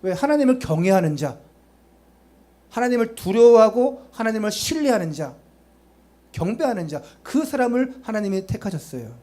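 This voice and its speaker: Animated, high-voiced male preacher. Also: moderate pace. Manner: impassioned preaching with rhetorical questions; conversational asides to the congregation. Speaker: pastor. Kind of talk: sermon.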